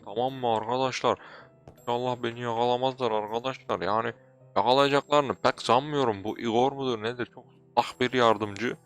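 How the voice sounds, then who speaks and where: A man voicing a boastful male character with a huge balloon head, speaking quietly and with a scheming tone in a game role-play. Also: medium pitch, natural voice. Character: smug male balloon-headed know-it-all.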